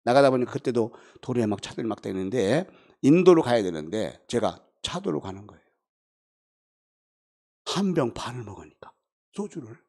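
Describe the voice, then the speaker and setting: Pastor, male. Gravelly, husky voice. Lively, animated sermon storytelling. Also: mid-range voice, normal speed, pauses often. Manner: animated storytelling, acting out friends' lines, swings from hushed to loud. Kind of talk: revival sermon with personal story. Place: church.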